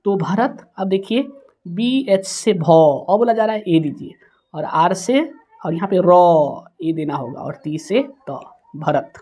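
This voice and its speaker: A woman teaching a spelling lesson, slowly sounding out words letter by letter. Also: lowish voice, warm tone.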